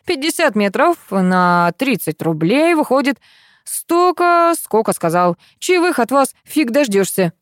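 A woman voicing a brash, crafty male loader who haggles in rough slang. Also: on the high side, big pitch swings, a little slow, dry recording, clean studio sound, pitched above the performer's own voice. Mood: cocky.

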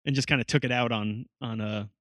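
A man's voice: mid-range voice, steady tone, brisk, a bit bright, dry recording, studio quality. A man in casual chat about a TV show, loose and chatty with lots of swearing.

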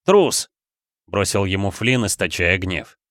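A man narrating a story in a steady, scripted storytelling delivery. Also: lowish voice, moderate pace, dry recording, studio quality. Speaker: audiobook narrator.

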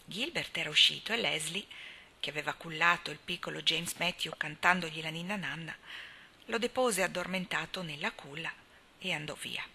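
A woman narrating a novel as an audiobook reader, in a quiet, soft-spoken manner. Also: low-pitched, normal speed, creaky, slight background noise.

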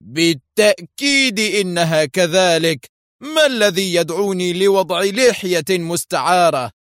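A man voicing an outraged shouting lawyer. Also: fairly high pitch, lively intonation, normal speed, no room sound, clean studio sound, lightly acted. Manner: angry, shouting protests. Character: indignant, short-tempered male lawyer.

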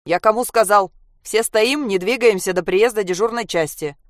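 A flustered, angry militiaman who barks orders at the crowd around him, as a woman reads him aloud. The voice is forceful and loud, pitched a little high. It is a read-aloud story, recorded close and dry. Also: moderate pace, no echo, natural voice. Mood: shouting, commanding. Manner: barking orders.

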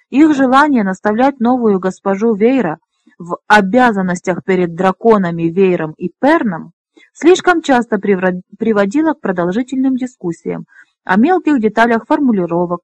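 Woman, audiobook narrator, measured, even, fantasy novel, dry close sound. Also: medium pitch, no echo.

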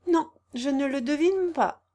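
A woman reading a young singer from a storybook, frank and kind in her manner, with a fairly high voice. Her lines come a little livelier than the narration. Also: a little slow, warm tone. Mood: kindly.

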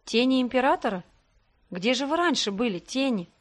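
A woman narrating a first-person fantasy audiobook in an expressive voice with dry irony. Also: a little high, moderate pace.

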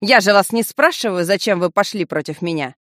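A woman's voice: medium pitch, animated, a little fast, a bit bright, no room sound, clean studio sound, lightly acted. A woman voicing a cruel male master of death who threatens and coaxes with false kindness. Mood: threatening. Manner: menacing, coaxing with false kindness. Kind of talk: audiobook character voicing.

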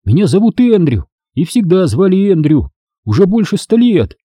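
A man voicing a cold, secretive ghost boy in an audiobook, with a husky, eerie manner. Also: big pitch swings, moderate pace, warm tone, no echo, studio quality, exaggerated voice. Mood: menacing. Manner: low cold menace, eerie. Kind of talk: audiobook character reading.

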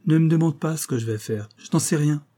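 A man reading an audiobook, voicing a proud, hot-tempered young actress with a sharp, impatient manner. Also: mid-range voice, fairly quick, lightly acted. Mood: irritated.

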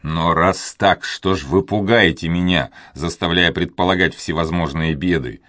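A man voicing a courteous, impatient young gentleman in love, speaking in his own deep voice. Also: moderate pace, no room sound, clean studio sound. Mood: urgent courteous. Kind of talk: audiobook character reading.

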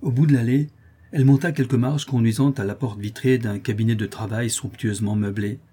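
Warm, husky male audiobook narrator. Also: mid-range voice, steady tone, brisk. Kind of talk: scripted narration.

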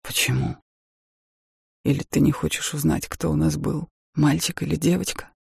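A woman reader voicing a grieving young husband who speaks softly through tears in an audiobook. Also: little pitch movement, normal speed, creaky, breathy edge, no echo, clean studio sound, full character voice. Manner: soft, low and sorrowful.

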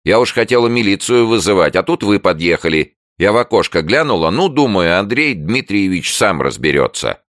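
A man voicing a shrill, frightened old woman neighbor who scolds loudly from behind her door in an audiobook. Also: very animated, moderate pace, hardly any pauses, no echo, clean studio sound. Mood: fussing. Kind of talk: audiobook character voice.

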